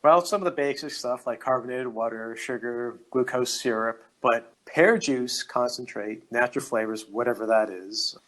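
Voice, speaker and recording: A man co-hosting a casual podcast, reading out news items in a steady, matter-of-fact way. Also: mid-range voice, moderate pace, hardly any pauses, low-quality recording. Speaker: podcast co-host.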